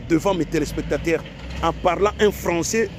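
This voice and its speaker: A man from Africa lectures his viewers in a fairly high voice, repeating his points and firing off rhetorical questions. Faint street and traffic noise sits under the recording. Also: moderate pace. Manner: repetitive, exhorting, rhetorical questions. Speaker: online commentator. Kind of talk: emphatic monologue to viewers.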